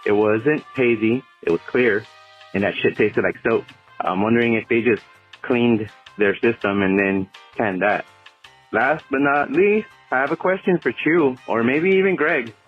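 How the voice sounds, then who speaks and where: A man's voice: mid-range voice, unhurried, breathy edge, soft background music. A man from California leaving a rambling voicemail for a podcast, heard over a landline phone line, with many hesitant fillers. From Oxnard, California, US. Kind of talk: casual phone message. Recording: dull lo-fi voicemail audio.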